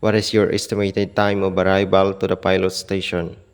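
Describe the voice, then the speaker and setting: Deep, monotone man over a marine radio. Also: normal speed, echoey room, in a large hall, a little hiss or hum. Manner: flat, formal radio procedure. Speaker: port control radio operator. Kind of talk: scripted marine radio exchange.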